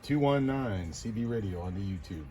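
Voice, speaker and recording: A CB radio operator and channel host talks informally in short calls and acknowledgements, repeating call signs during casual contact. His voice is mellow, fairly low, and expressive at a normal speed, with slight background noise.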